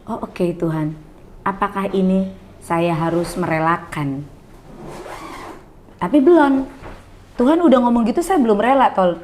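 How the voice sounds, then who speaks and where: A woman's voice: medium pitch, mellow, a little hiss or hum. A middle-aged woman, a guest, earnestly telling a personal story and acting out other people's words in their voices. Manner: earnest, often acts out others in quoted voices. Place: coffee bar.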